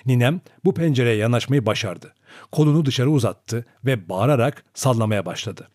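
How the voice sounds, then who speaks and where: A man reading a novel aloud as narrator, in an expressive, dramatic storytelling manner. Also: medium pitch, moderate pace, dry recording, studio quality. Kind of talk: audiobook narration.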